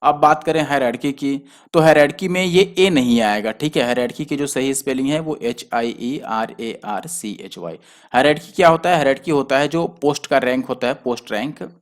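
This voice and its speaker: A man teaching a spelling lesson for exam students, who explains patiently and spells words out letter by letter. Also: medium pitch. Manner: explains patiently, spells letters out slowly, often adds "theek hai". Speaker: exam prep tutor.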